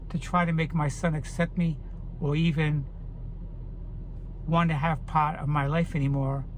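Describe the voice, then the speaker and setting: A man's voice: on the high side, slight background noise. A man in his fifties talking earnestly and reflectively in a personal video diary, often repeating his key points. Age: 50s. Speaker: vlogger.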